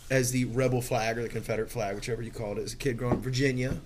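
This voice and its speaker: A man's voice: mid-range voice, fairly even intonation, racing, noisy background. A man from the American South in casual chat, thinking aloud with hesitations and fillers.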